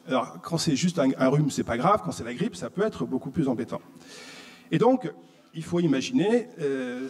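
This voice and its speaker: In a reverberant conference hall with long reverb, a man from France gives a didactic lecture, using rhetorical questions to set his pace. His voice is fairly high and a little mellow.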